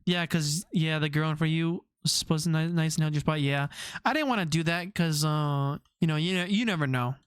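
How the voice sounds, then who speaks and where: A man's voice: a little high, brisk, clear, resonant tone, no room sound, clean studio sound. A young man streaming, chatting casually with his viewers, rambling off on tangents and laughing often.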